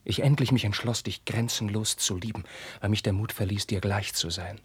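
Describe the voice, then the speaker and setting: An actor playing an anguished young prince, declaiming verse in a 1950s radio drama and swinging from hushed whispers to outbursts. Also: male voice, fairly low pitch, fairly even intonation, moderate pace, breathy edge, no echo. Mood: brooding. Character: young anguished prince, passionate, tormented by forbidden love.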